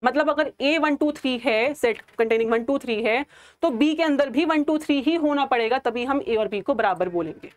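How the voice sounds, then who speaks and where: A woman's voice: high-pitched, normal speed, no echo. A woman teaching a math lesson, mixing Hindi with English terms and answering her own rhetorical questions. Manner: asks rhetorical questions and answers them herself. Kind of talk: classroom lecture.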